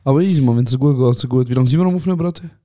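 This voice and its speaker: Rapid-fire and medium-pitched, a young man with a Swiss German accent co-hosts a laid-back podcast chat. He's animated, teasing his friend while performing scenes and voices.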